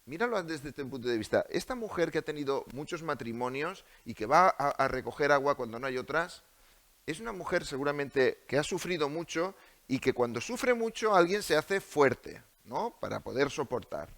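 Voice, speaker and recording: A man's voice: fairly high pitch, lively intonation, moderate pace, fairly bright tone. A male preacher with a Spanish accent delivering a sermon in a church, asking the congregation many rhetorical questions. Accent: Spain.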